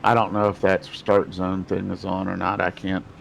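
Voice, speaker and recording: Gravelly low guy doing race spotter radio, short repeated calls, chatting casually, faint car noise behind. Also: monotone, moderate pace. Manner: terse repeated position calls, encouraging the driver.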